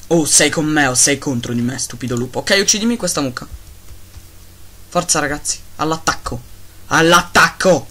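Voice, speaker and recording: A man giving casual, excitable gameplay commentary, talking to his pets and grumbling at lag. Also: fairly high pitch, quick pace, hardly any pauses. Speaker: Minecraft let's-player.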